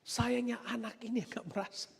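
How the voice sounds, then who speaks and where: A male pastor preaching a live-streamed church sermon, swinging between soft asides and loud emphatic lines. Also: very high voice, fairly even intonation, moderate pace, gravelly, husky. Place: church hall. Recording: long church hall reverb.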